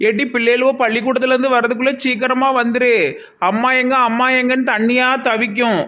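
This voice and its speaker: A woman's voice: fairly high pitch, little pitch movement, fairly quick, a bit bright. A woman with a Tirunelveli Tamil accent in a village comedy sketch, grumbling and complaining.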